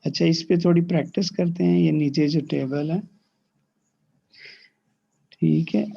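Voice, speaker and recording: A man teaching an online grammar lesson. He recites verb forms slowly and mixes English terms into his explanations. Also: fairly high pitch, fairly even intonation, creaky, dark tone, slightly rough, muffled recording. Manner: slow, drawn-out recitation of verb forms between quick explanations; mixes in English terms and checks in with "theek hai".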